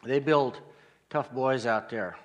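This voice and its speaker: A man's voice: medium pitch, slow pace. A man, the guest preacher, opens his talk with self-deprecating jokes and banter with the congregation.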